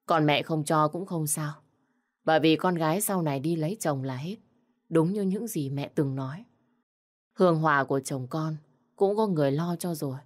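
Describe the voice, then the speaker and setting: A woman voicing a gentle, sorrowful young mother in a spoken story, talking softly and tearfully. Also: sits low.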